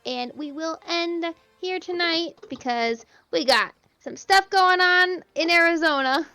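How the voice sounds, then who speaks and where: A woman's voice: very high voice, unhurried, pushed and bright, no echo, soft background music. A woman game master wrapping up a tabletop session and chatting with her players in an easygoing, giggly way. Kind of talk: casual chat after a tabletop game.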